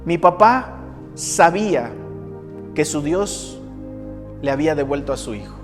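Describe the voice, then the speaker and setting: A man's voice: on the high side, animated, a little slow. A man preaching a sermon as a pastor, telling a personal testimony with emphatic repetition. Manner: emphatic, repeats phrases for effect, acts out quoted people. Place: church. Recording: church hall with long reverb and soft music.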